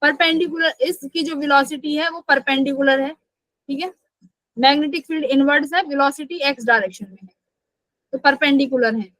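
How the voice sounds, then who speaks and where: A woman's voice: high voice, moderate pace, fairly bright tone, dry recording, rough recording. A woman teaching a live online physics class, asking questions and answering them herself, and scolding students who skip class.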